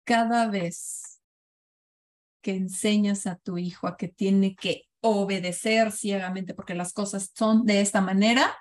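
A woman's voice: medium pitch, fairly even intonation, a little slow. Woman, parenting coach, reflective, asks the group questions. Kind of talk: live online workshop talk.

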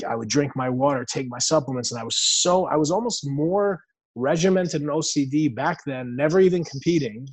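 Appearing as an interview guest, an Iranian-born, U.S.-raised bodybuilder in his forties recounts his life earnestly and thoughtfully, frequently restarting sentences. His mid-range voice has no echo, though the audio quality is poor.

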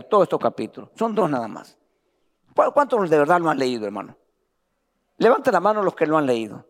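Male preacher, high voice, Bible study sermon in a church hall with a long echo tail. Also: a little mellow. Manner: reads scripture slowly, addresses "hermano".

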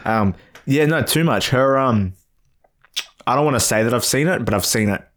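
A man's voice: mid-range voice, moderate pace, a bit bright. A man co-hosting a casual podcast, joking and rambling, a bit nasal today. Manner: joking, rambling, laughs often. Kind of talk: casual banter.

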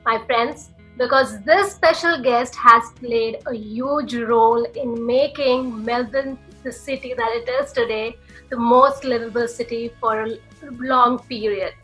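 Bright high-voiced woman hosting a podcast. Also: poor audio. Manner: enthusiastic, effusive introductions. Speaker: podcast host. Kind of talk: podcast interview.

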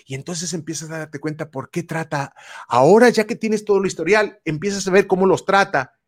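A man's voice: sits high, fairly quick. A man giving a faith-based motivational talk, speaking straight to the listener with many repetitions. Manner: animated, addresses listener directly, many repetitions.

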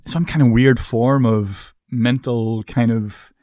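A man's voice: mid-range voice, steady tone, slow pace, mellow, dry recording, clean studio sound. A man in a casual podcast chat, reflective, explaining his views at length.

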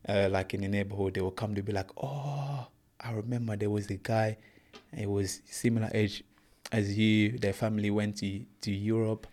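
Earnest Congolese-born man, low voice. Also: steady tone, moderate pace, darkish tone. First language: not English. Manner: earnest, plain storytelling, says "bro" often. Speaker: guest, professional boxer. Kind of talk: casual interview.

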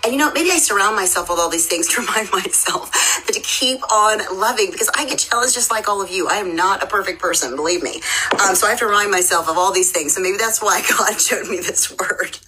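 A woman's voice: mid-range voice, animated, fast, pushed and bright, a little hiss or hum, poor audio. A woman hosting a faith podcast, chatting in a bubbly, rambling, upbeat way during a devotional live session.

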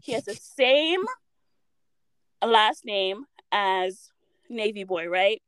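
Lively giggly woman telling stories. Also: mid-range voice, very slow, clean tone, no echo, poor audio. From Utah, US. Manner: giggly, animated storytelling. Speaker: podcast co-host. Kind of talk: casual chat.

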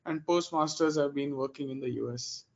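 A man's voice: fairly high pitch, normal speed, dull audio. A man in his thirties from India with an Indian accent, a guest answering interview questions, hesitant with many fillers.

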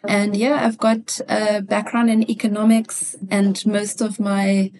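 An economist from Cape Town with a South African accent answers interview questions as a guest, thoughtfully and often pausing to find her words. Her voice is medium-pitched, level and darkish in tone.

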